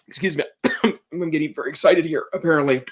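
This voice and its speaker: A man's voice: on the high side, normal speed, breathy edge. Opinionated man co-hosting a tech podcast. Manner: opinionated, earnest advice, many restarts. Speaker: podcast co-host. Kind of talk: casual tech chat.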